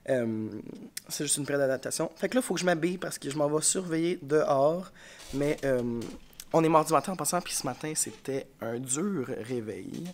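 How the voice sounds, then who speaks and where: An elementary school teacher with a Quebec French accent chats casually to his camera mic in a vlog, his mid-range voice sounding congested. He rambles in a tired, frank way, and there's slight background noise.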